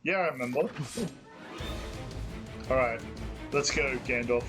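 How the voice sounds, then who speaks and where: A man hosting a gaming livestream, loud and frustrated, swearing in outbursts as he plays. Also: mid-range voice, measured pace. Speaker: game streamer and host. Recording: game music behind.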